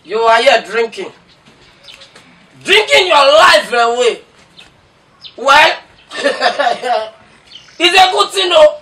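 A man with a Nigerian accent playing a loud, mocking village drunkard in a film. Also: very high-pitched, sing-song, very slow, pauses often, exaggerated voice. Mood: taunting. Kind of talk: film acting. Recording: music playing behind.

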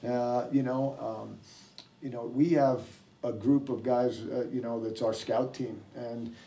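Older male coach, halting postgame answers. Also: mid-range voice, steady tone, gravelly, dark tone, far from the mic. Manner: rambling, hesitant, many fillers and restarts. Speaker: head coach. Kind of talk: postgame press conference answers. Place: press room with sponsor backdrop, seated at table. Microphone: table mic, heard from a distance.

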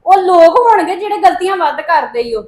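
Woman doing a high-voiced young wife, defensive, pleading, family drama. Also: lively intonation, brisk, darkish tone. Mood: indignant. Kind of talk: amateur family drama acting.

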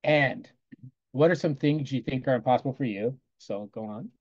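A man teaching on a video call, casually recounting a classroom lesson and quoting himself with soft asides. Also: medium pitch, moderate pace, dry recording, dull audio. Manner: conversational, quotes himself often with "I go", soft asides.

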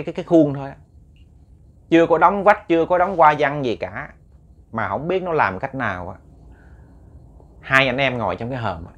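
A man telling a ghost story, chatting to listeners and often repeating words. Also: medium pitch. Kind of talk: storytelling to an audience.

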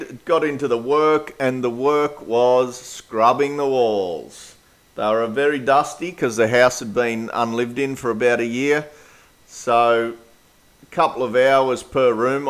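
A middle-aged Australian man talks through a house renovation in a relaxed vlog. His delivery is practical and plain-spoken. His pitch sits in a middle range. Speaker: DIY renovator. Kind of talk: casual renovation vlog narration.

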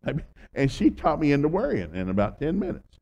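A man in his sixties preaching as a guest minister, telling homespun stories with acted-out dialogue and swinging between loud and hushed delivery. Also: on the high side, huge pitch swings, brisk, creaky, dull audio. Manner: folksy storytelling with acted dialogue. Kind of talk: sermon.

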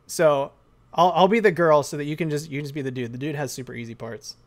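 A man with a hoarse voice chatting casually on a live stream, rambling and reading chat aloud. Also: on the high side, fairly even intonation, fast.

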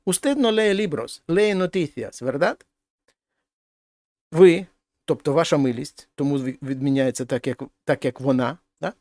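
A man's voice: a little high, normal speed, darkish tone, dry recording, clean studio sound. A man teaching a language lesson, explaining grammar step by step and translating each example sentence. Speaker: Spanish teacher.

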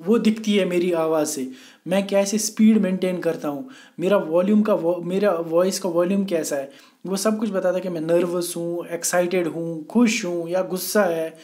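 Male teacher, high voice, mellow tone, patient lecture delivery. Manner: explains slowly, often asking "theek hai?". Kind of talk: classroom lecture. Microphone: voice only, no camera.

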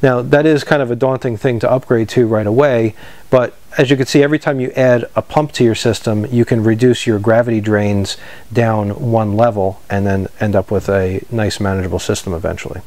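A man's voice: fairly low pitch, a little fast, dry recording. Dry-sounding man explaining brewing gear. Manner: steady, practical explainer. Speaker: homebrew equipment seller. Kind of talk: instructional product talk to camera. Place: indoor parts store room with shelves.

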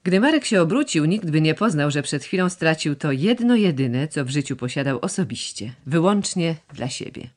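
Expressive woman narrating an audiobook. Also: deep voice, moderate pace, hardly any pauses. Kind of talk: scripted literary narration.

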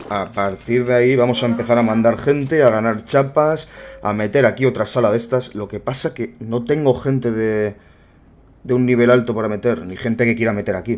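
A man's voice: on the low side, a little mellow, slight background noise. A young man muttering wry commentary to himself while playing a game. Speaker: gameplay streamer. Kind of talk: casual gameplay commentary.

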